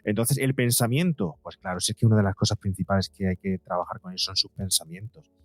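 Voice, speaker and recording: A Spanish psychologist and podcaster, appearing as an interview guest, speaks in a low voice and talks fast. He explains things conversationally, using examples and repeating words for emphasis. The recording is dry and close, with no room sound.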